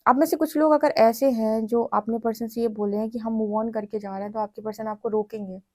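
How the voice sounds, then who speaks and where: A woman's voice: on the high side, steady tone, fairly quick, darkish tone, no echo. A woman with an Indian accent giving a tarot reading to her viewers, speaking in chatty, direct Hinglish. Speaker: tarot reader.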